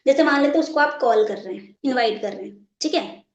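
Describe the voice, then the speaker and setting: A woman with a high voice leads a live online training class, asking her listeners over and over whether it is clear. She repeats each point a few times. The sound is echoey, as if she is in a bare room. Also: quick pace, muffled recording. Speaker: network marketing trainer.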